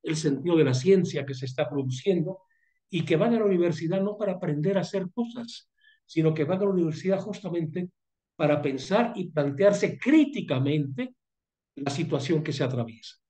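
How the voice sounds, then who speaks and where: A man's voice: fairly high pitch, lively intonation, dark tone. Older man lecturing with a cold cough. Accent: Mexican Spanish. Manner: thoughtful, digressive, pausing and restarting phrases. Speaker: seminar leader. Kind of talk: university seminar lecture.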